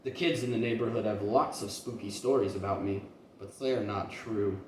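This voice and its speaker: A man voicing a kindly, regretful old male neighbor in a storybook, low, subdued and gentle. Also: normal speed, natural voice. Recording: roomy, distant mic, faint noise.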